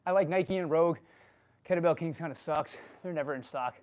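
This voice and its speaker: The man's voice leans high and a little mellow, and he speaks fairly quickly. He's answering live chat questions mid-workout in his home exercise space, out of breath, laid-back, foul-mouthed and laughing often.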